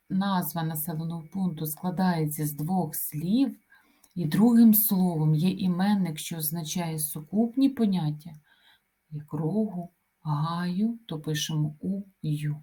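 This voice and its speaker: Woman teacher, grammar lesson; unhurried, measured word-by-word delivery. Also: lowish voice, dark tone. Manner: slow, deliberate dictation-like delivery. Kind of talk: grammar lesson, reading example word lists.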